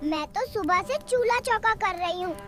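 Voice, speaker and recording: A woman voicing a sharp-tongued, nagging older mother-in-law in a cartoon, scolding and complaining. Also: very high voice, animated, normal speed. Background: background music.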